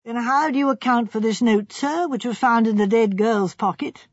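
Woman playing a stern, formal policeman, husky. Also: fairly high pitch, no room sound, lo-fi sound. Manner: measured, official, unemotional. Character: stern, formal male police inspector or officer.

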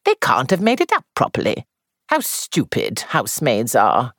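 A woman reading aloud and voicing a practical middle-aged hostess who talks in a brisk, blunt way. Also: extremely low pitch, huge pitch swings, a bit bright, no room sound, clean studio sound, exaggerated voice.

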